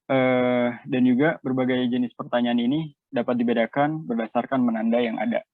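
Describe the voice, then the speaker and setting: A man's voice: mid-range voice, fairly even intonation, normal speed, no room sound. A young man with an Indonesian accent giving a class presentation, hesitant with many fillers and switching between two languages. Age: young adult. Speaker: student presenter. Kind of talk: class presentation, reading notes and explaining. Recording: tinny dry phone-like call audio.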